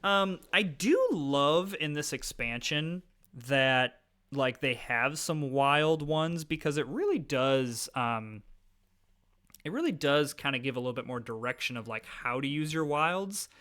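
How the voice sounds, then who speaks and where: A man in his thirties with a Midwestern American accent gives loose, filler-heavy commentary while he plays. His voice comes across bright and forward, with a smooth, clean tone into a desk mic. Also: fairly high pitch, animated, measured pace. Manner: rambling, filler-heavy, self-deprecating. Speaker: gaming YouTuber. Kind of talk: casual let's-play commentary.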